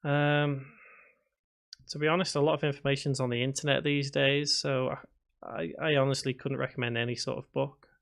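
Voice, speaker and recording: A Liverpool game development streamer in his thirties talks at normal speed in a creaky, slightly bright, medium-pitched voice with a level tone. With his Scouse accent, he casually reads viewers' comments aloud on a live stream and answers them, with fillers and restarts.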